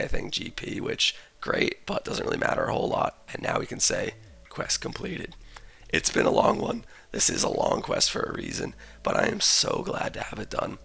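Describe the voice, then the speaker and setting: A young man with a hoarse, raspy voice, casually narrating his gameplay as a channel host. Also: medium pitch, bright, forceful tone. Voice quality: raspy, gravelly. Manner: casual, chatty, jokey asides. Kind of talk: game commentary voice-over.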